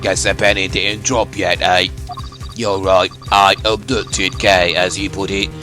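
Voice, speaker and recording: A man's voice: low-pitched, flat delivery, measured pace, pushed and bright, soft background music, pitched below the performer's own voice. A man voicing a mocking, gloating phone caller whose voice comes through a voice changer. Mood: taunting. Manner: smug, teasing, taunting. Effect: voice changer over a phone line. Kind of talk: fan voice-over of a game.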